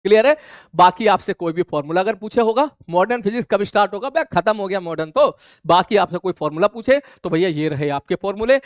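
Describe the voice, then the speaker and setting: In an online class studio, a high-voiced man teaches a live physics revision lesson in a casual, chatty way. He speaks to students informally and keeps asking "clear?". The sound is studio quality with no echo.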